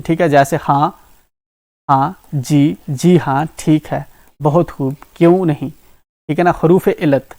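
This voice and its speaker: Kashmiri man teaching grammar, higher voice. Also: darkish tone, no echo. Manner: repeats "ठीक है ना" often, explains terms with examples. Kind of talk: exam-prep grammar lesson.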